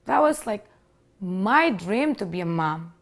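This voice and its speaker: A woman in her thirties from Indonesia speaks slowly in a mid-range, creaky voice with lively intonation. With an Indonesian accent and a few small grammar slips, she earnestly tells her personal story to camera. She sits indoors in a living room with a leather sofa and wears a lapel mic.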